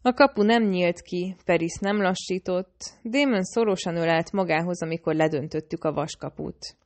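A woman narrating a novel in the first person, reading in a steady, measured way. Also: on the low side. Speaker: audiobook narrator.

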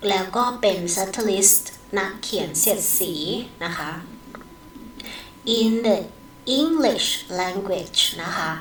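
Thai-accented teacher, slow, roomy and distant. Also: female voice, mid-range voice, a little hiss or hum. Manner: mixes Thai explanation with slow read-aloud English phrases; adds polite particles after nearly every phrase. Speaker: English teacher. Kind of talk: recorded online lesson.

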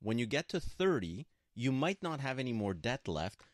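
A man with a medium-pitched, highly animated voice talks at a normal speed in clean studio audio with no echo. He co-hosts a conversational radio advice show from a radio studio and also works as a broker. His delivery is emphatic and assertive, and he repeats points for stress.

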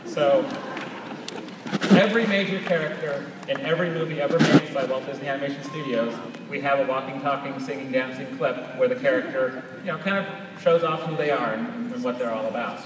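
Male presenter, mid-pitched, explanatory and conversational live demo, captured at a distance from the audience in a reverberant auditorium. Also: fairly quick. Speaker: presenter demonstrating an app. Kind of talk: live stage product demonstration. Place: large auditorium stage, recorded from far in audience. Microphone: distant camera picking up PA sound. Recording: echoey large hall, distant, noisy audience recording.

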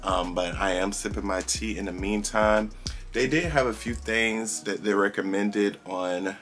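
In a small room, a young man vlogs to camera in a lowish, steady voice at a measured pace, fairly bright in tone, with faint music behind. He's chatty and sassy, calling viewers "girl" and "y'all," and his voice sounds strained as if he's losing it.

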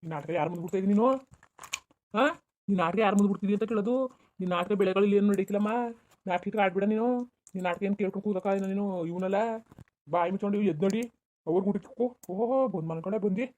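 A bossy, quick-tempered village husband, as a performer voices him in a cartoon quarrel. He berates his wife. His words tumble out at a rushing speed. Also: mid-range voice, steady tone, lightly acted. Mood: angry berating. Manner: shouting, berating, rapid. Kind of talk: cartoon voice acting.

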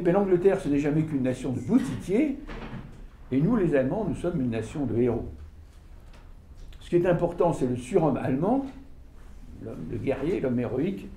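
An older man gives an informal book talk to an audience, his voice dark, mellow, and mid-range. He is animated but halting, repeatedly using fillers and starting sentences over. Heard from far off through a camera with no visible mic, the indoor setting, a small room with an audience in a roomy hall, sounds echoey.

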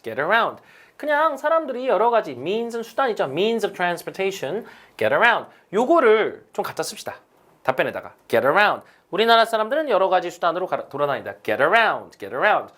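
A man lecturing on English speaking-test prep, drilling phrases slowly with strong stress. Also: a little high, fairly bright tone.

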